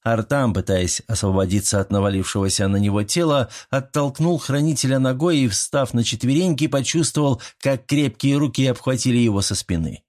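A man narrating an audiobook in a steady, even reading voice. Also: medium pitch, a little fast, few pauses. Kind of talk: scripted narration.

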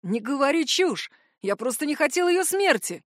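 A woman voicing a calm, level-headed young male cousin in an audiobook, speaking firmly and reasoning. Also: high voice, normal speed, no echo, clean studio sound, voice pushed up. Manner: firm, reasoning. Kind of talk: audiobook narration.

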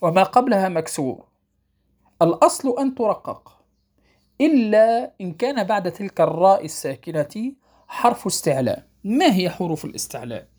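A woman's voice: mid-range voice, sing-song, mellow, husky. Patient woman teaching Quran recitation rules. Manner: patient, repeats points and checks understanding; recites verses slowly and melodically. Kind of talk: tajweed lesson explaining rules.

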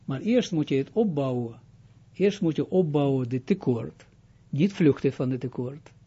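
A rabbi teaching Kabbalah gives an informal lesson step by step, often pausing with checks like "Duidelijk?" and restarting haltingly. His medium-pitched voice is dark and a bit breathy with lively intonation, and the recording is muffled.

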